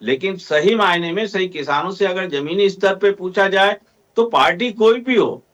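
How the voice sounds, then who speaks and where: A man's voice: high-pitched, normal speed, a bit bright. A man speaking for farmers on a panel discussion, arguing earnestly with frequent hesitations. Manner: earnest, argumentative, many hesitations. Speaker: farmer representative guest.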